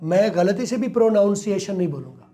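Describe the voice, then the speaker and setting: Man, high-pitched, emphatic teacher, repeats words, light background music. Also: warm tone. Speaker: English teacher. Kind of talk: explaining in a studio interview.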